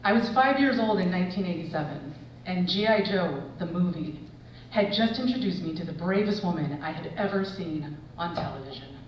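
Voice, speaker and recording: A woman in her forties, an English professor, reading a personal essay aloud with expressive storytelling. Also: on the low side, moderate pace, distant mic, a little hiss or hum. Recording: echoey hall, voice from afar.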